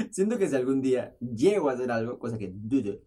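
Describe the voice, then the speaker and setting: A man's voice: mid-range voice, brisk, husky. A young man hosting his own show, telling stories in a jokey, self-mocking monologue to a camera in his bedroom. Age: young adult. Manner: jokey, self-mocking, lively storytelling with laughs. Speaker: podcast host. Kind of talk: casual rambling monologue. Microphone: camera's built-in mic, close up.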